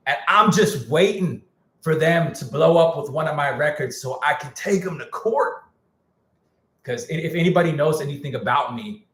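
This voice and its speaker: A slightly bright, mid-range male voice echoes around the room as a music producer chats candidly on a live stream. Slangy and repetitive, he mentions that he's losing his voice.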